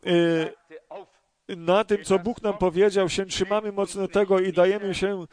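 Male preacher, high-pitched, hesitant sermon delivery with many fillers. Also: little pitch movement, a little mellow. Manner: halting, many fillers and restarts; asks the congregation questions. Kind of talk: sermon with scripture reading.

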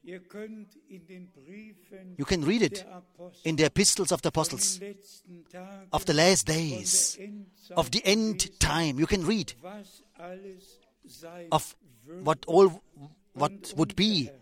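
An older man preaching a sermon in a slow, emphatic way, repeating his phrases and restarting as he goes. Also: fairly high pitch.

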